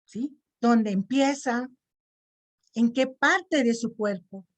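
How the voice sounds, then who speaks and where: A woman gives an online lecture in a fairly high voice. She explains step by step and keeps checking that her listeners follow. She sounds middle-aged and teacherly. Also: takes it slowly. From Mexico. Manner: didactic, checks in with frequent "¿sí?". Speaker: lecturer on self-esteem.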